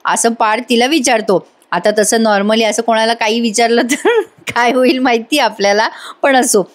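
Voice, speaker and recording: A chatty woman narrates a casual voice-over review of a TV serial, speaking straight to her viewers. Her voice sits high, and she keeps an easy, conversational flow. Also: normal speed. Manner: chatty, addresses viewers directly.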